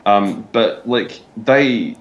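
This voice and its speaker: A man chatting casually as a game master, rambling with many restarts and quick laughs. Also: on the low side, expressive, lo-fi sound. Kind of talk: casual podcast chat. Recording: roomy echo.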